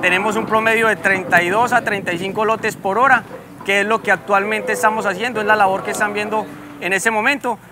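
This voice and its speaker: A man's voice: high voice, fairly even intonation, a little fast. A man formally explaining his company's work as its representative in an interview. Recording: clear outdoor ambient noise.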